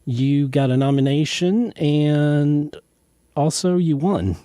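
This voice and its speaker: A man hosting a radio interview, asking questions in a halting, friendly way with many fillers. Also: fairly high pitch, expressive, dark tone, clean tone, no echo, clean studio sound. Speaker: interview host.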